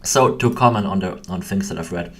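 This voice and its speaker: Hosting a livestream from his computer desk indoors, a game developer of about twenty chats casually in an Austrian German accent, hesitating, rambling and cutting himself off. His voice sits low and moves briskly.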